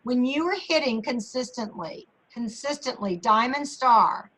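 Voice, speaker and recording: A woman leading her sales team in a motivational talk on a video call, chatty and energetic, repeating phrases for emphasis. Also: fairly high pitch, unhurried, low-quality recording.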